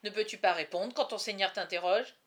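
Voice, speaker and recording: A woman reading aloud, voicing an impetuous young medieval lord who speaks loudly and directly. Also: mid-range voice, fairly quick, lightly acted.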